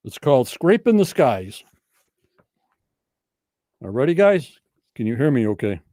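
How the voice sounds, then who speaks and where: A man's voice: mid-range voice, sing-song, unhurried, mellow, no room sound, clean studio sound. A man hosting a casual livestream trivia night, talking in folksy, rambling game-show patter.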